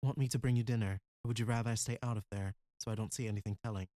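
A man reading the lines of a caring woman in an audiobook, his low voice slightly raised and gentle. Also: steady tone, very fast, dry recording, lightly acted. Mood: tender.

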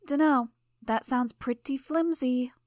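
A woman reading aloud and voicing a brash, bratty teenage girl villain who mocks and argues loudly. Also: on the high side, normal speed, no echo, clean studio sound, pitched above the performer's own voice, lightly acted. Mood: teasing. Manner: loud, mocking and combative.

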